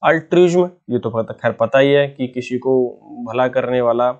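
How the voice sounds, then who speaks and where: A man's voice: mid-range voice, normal speed, darkish tone, lo-fi sound. A man teaching exam vocabulary in an easygoing way, patiently explaining each word and checking in with his students again and again. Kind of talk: exam-prep lesson in casual Hindi.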